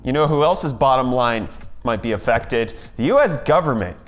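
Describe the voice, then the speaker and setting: A man's voice: mid-range voice, lively intonation, normal speed, soft background music. A man hosting a casual tech news rundown, sarcastic and full of jokey segues.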